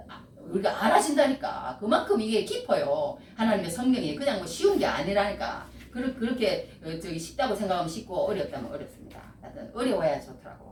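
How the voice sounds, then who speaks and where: A middle-aged woman preaching a sermon, animated and repeating key phrases, often calling out hallelujah. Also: a little high. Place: church sanctuary. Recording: echoey room, voice from far off mic. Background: congregation responding.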